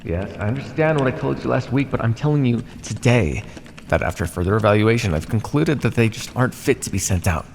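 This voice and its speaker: In an ASMR roleplay, a man voices a sardonic vampire captor, a teasing and menacing male scientist centuries old, talking conversationally with hesitant pauses. His mid-range voice is creaky with lively intonation, and he sounds defensive and exasperated. Long hall reverb and faint background noise surround the recording.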